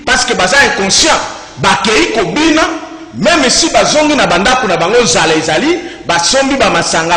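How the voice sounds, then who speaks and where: A man with a Congolese accent, a religious speaker in a debate, preaching with fiery declaiming that rises to shouts. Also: sits high. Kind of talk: impassioned preaching in an interview. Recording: echoey reverberant room.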